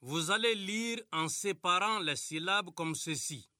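A man teaching a class, giving clear and encouraging instructions. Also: high-pitched, measured pace, sharp tone, no echo, studio quality.

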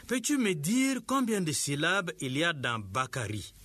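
A man teaching a scripted radio lesson, giving slow, clear instructions to teachers and pupils. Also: a little high, wildly swooping pitch, bright, forceful tone, no room sound.

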